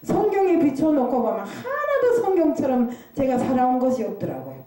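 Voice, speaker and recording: A woman's voice: high voice, sing-song, brisk, warm tone. A woman preaching a confessional sermon, asking rhetorical questions and hesitating often as she talks. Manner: confessional, self-critical. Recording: very echoey room, far from the mic.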